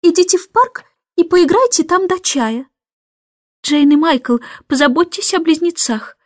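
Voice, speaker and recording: A woman's voice: very high-pitched, animated, measured pace, no room sound, studio quality, voice pushed up. A woman voicing a harried middle-aged mother, plaintive and fussing, in a storybook reading. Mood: scolding.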